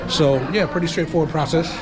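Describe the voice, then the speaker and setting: A man chatting informally to his viewers as a travel vlogger, halting and speaking in short phrases. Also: on the high side, crowd noise. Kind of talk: casual vlog chat to viewers. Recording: very noisy on-location vlog audio.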